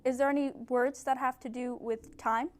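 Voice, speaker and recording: A young woman tutoring a small group of adult English learners in a classroom, giving clear, encouraging instructions. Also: high-pitched, fairly even intonation, normal speed. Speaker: ESL tutor. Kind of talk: teaching a small group lesson.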